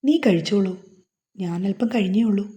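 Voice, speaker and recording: A woman's voice: medium pitch, moderate pace, mellow, natural voice. A woman voicing a sulky young husband who turns playfully teasing in a romance novel reading. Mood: grumbling.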